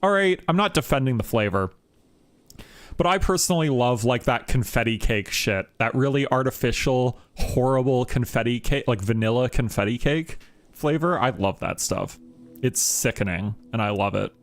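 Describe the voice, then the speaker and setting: A man chatting casually on a live stream while playing a game, rambling with lots of fillers and laughs, getting animated when he tells a story. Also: medium pitch, moderate pace, no room sound.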